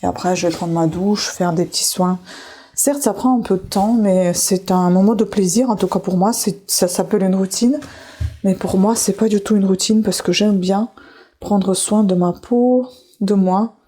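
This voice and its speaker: Woman, middle-aged, casual vlog chat, relaxed and chatty, dark mellow tone, slightly breathy. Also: mid-range voice, normal speed. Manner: relaxed, chatty, talks while doing skincare. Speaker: beauty vlogger. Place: bathroom at home.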